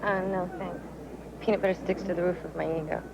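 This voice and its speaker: A quick, teasing young woman. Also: fairly low pitch, fairly even intonation, vocal fry. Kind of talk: 1980s TV drama acting. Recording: outdoor street noise, slightly lo-fi.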